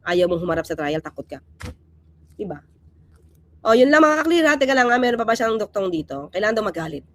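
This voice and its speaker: A fast-talking woman with a mid-range voice hosts a laid-back political commentary vlog. Emphatic and animated, she alternates loud and quiet passages and peppers viewers with the rhetorical "di ba?"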